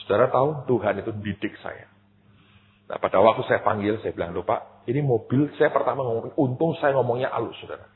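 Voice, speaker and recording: A male pastor preaching a sermon, telling a personal story with lively quoted voices and addressing the congregation directly. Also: medium pitch, brisk. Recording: tinny phone-like sound with long hall reverb.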